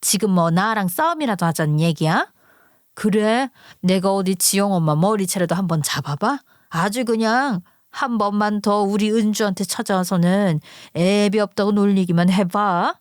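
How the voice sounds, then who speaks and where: A woman's voice: medium pitch, moderate pace, studio quality, lightly acted. Woman playing a fiery mom in her forties, harsh and scolding, no room echo. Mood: furious. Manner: combative, scolding, rough-tongued. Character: fiery hot-tempered single mother, middle-aged. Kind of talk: storytelling acting.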